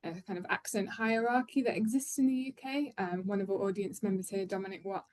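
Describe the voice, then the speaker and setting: A woman's voice: medium pitch, fairly even intonation, fairly quick, darkish tone. A British woman speaking off the cuff as a researcher on a panel, explaining in a tentative way and often circling back to rephrase. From United Kingdom. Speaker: academic researcher on accents and child language. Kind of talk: spontaneous panel talk.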